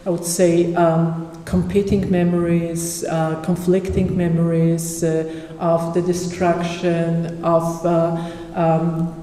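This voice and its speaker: A conference speaker giving an academic presentation with slides, halting and full of pauses and fillers. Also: medium pitch, completely flat delivery, warm tone. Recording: echoey hall with long reverb.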